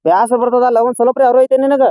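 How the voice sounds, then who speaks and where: A man's voice: very high voice, rapid-fire, warm tone, no echo. A man with a North Karnataka Kannada accent, playing a scolding, blustering father in a comedy skit. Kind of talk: scripted comedy skit dialogue.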